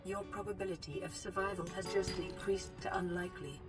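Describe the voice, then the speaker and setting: A woman voicing a calm female AI assistant in a game that monitors the player's vital signs in a gentle, even, informative way. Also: lowish voice, brisk, lightly acted. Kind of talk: in-game computer voice lines. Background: loud game music.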